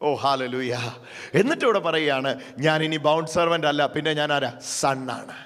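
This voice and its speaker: A man's voice: a little high, normal speed, fairly bright tone, clear, resonant tone. A male preacher delivering a fervent sermon, repeating phrases and calling on the congregation to respond. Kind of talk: sermon, Malayalam with English phrases. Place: church hall. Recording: reverberant church hall with music.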